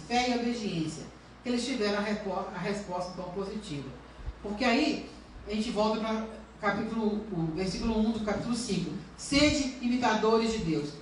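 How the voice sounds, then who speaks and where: A woman pastor gives an earnest sermon in a church, questioning her congregation rhetorically, captured from a distance. Her voice is fairly high, the sound very echoey with slight background noise.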